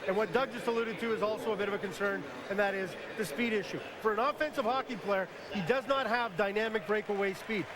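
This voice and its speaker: A man's voice: high-pitched, quick pace, hardly any pauses. A man giving hockey analysis on a live draft broadcast, emphatic and detailed with dry humor, heard from a worn VHS tape copy. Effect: hissy worn VHS tape copy. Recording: hissy old videotape broadcast with crowd.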